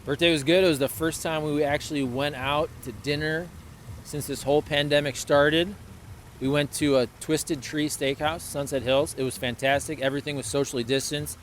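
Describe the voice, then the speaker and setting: A man in his late thirties co-hosting a podcast in relaxed, chatty conversation. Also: fairly high pitch, normal speed, slight background noise. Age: 30s. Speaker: podcast co-host. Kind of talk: casual chat.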